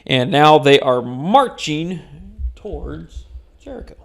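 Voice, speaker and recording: A man's voice: on the high side, sing-song, takes it slowly, gravelly. A man hosting a casual podcast, talking through a Bible story, often laughing and restarting his sentences. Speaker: podcast host.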